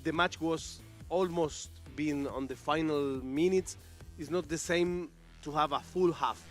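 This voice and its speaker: A man's voice: on the high side, fairly even intonation, measured pace, soft background music. A male esports commentator speaking live from a tournament venue, enthusiastic and repetitive, with slightly non-native phrasing.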